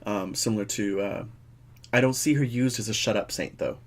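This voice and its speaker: Lower-voiced man, playful chat. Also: fairly quick. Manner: playful, teasing quips between musings. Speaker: podcast co-host. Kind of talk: casual chat.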